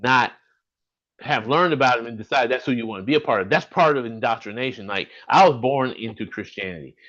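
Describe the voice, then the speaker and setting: A man's voice: medium pitch, lively intonation, brisk, fairly bright tone, lo-fi sound. A man in his fifties from Alabama with a Southern accent, talking earnestly and rambling a little as a podcast host over a video call. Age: 50s. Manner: earnest, rambling, restarts sentences.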